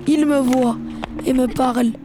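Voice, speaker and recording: A woman's voice: sits high, steady tone, measured pace, background noise. [name], a woman reading a grieving older man. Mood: somber. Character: grieving older man, fearful yet calm. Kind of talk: first-person dramatic reading. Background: background music.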